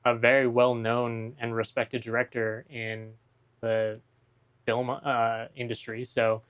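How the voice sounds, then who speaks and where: Male co-host, mid-pitched, easygoing gaming talk, measured replies. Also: monotone, fairly bright tone, clean tone. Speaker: podcast co-host. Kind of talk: casual gaming chat.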